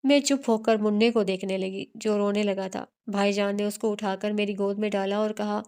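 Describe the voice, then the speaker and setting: A woman's voice: mid-range voice, steady tone, darkish tone, clean tone. A woman narrating a romantic novel in the first person and reading the characters' dialogue in her own voice. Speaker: audiobook narrator.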